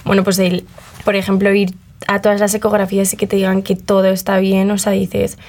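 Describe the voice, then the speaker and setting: A woman's voice: mid-range voice, completely flat delivery, a little fast, darkish tone. A young woman talks easily as an interview guest. She fills her speech with little fillers and brings other people's remarks to life as she goes. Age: 20s. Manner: chatty, uses many fillers, acts out quoted remarks. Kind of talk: casual conversational interview.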